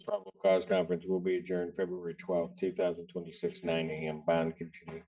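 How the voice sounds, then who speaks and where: A man presiding as a judge, running formal court proceedings in a brisk, blunt, procedural way, heard on a courtroom recording. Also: deep voice, animated, gravelly, warm tone. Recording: distant, dull courtroom recording.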